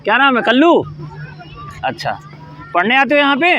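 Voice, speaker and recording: A woman's voice: high-pitched, sing-song, moderate pace, fairly bright tone, some chatter behind, a little hiss or hum. A woman volunteer chatting cheerfully with small children outdoors in a park, coaxing and praising them as she hands out books. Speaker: charity volunteer handing out books. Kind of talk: casual chat with small children.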